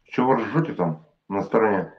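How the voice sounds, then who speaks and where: A man's voice: fairly low pitch, lively intonation, normal speed, muffled recording. A man from Transnistria, drunk, arguing on a call in a rambling, insistent way and cursing. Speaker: caller. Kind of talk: heated phone argument.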